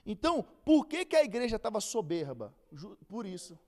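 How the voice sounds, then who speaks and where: High, lively Brazilian Bible teacher. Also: male voice, moderate pace. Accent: Brazilian Portuguese. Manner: animated storyteller acting out quoted people. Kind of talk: casual Bible lesson with storytelling.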